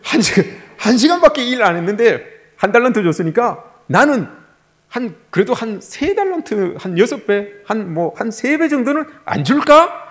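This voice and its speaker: A man's voice: very high-pitched, sing-song, normal speed, voice pushed up. A man voicing a grumbling day laborer. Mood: greedy hope. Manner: indignant complaining. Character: grumbling male day laborer expecting more pay.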